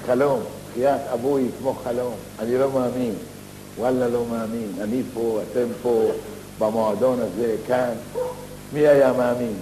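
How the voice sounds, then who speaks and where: A man telling comic stories on stage, in a lively theatrical monologue full of slangy asides. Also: medium pitch, a little hiss or hum. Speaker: stage comedian. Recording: echoey live theater hall recording.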